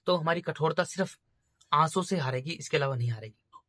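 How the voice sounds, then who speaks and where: A man preaching in a bright, forceful voice, pressing the same point over and over. He speaks to his listeners as brothers in an informal, insistent way. The sound is dry and close, with almost no room around it. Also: fairly high pitch, fairly quick, no echo. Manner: insistent, repetitive exhortation. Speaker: spiritual speaker.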